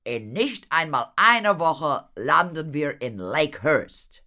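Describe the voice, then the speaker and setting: A gushing, pompous man who runs a theatre, raised and loud, as a woman puts him on for a storybook. He talks in a grand, showy way, full of big promises and flourishes. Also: sits low, expressive, slow, voice pushed up, full character voice. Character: pompous excitable male theatre impresario.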